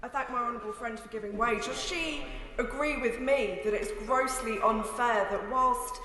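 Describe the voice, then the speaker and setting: A woman's voice: on the high side, normal speed, bright, forceful tone. A woman member of parliament making a pointed, formal intervention in a heated parliamentary debate. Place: large indoor parliamentary chamber. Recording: echoey large chamber.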